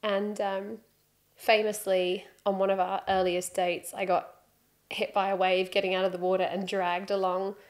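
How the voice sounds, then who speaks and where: Relaxed storytelling from a podcast guest: a thirtysomething British woman who teaches freediving, poking fun at herself as she talks close to a desk microphone, headphones on, seated on a studio sofa with a plain wall behind. Her mid-range voice barely moves in pitch and keeps a moderate pace.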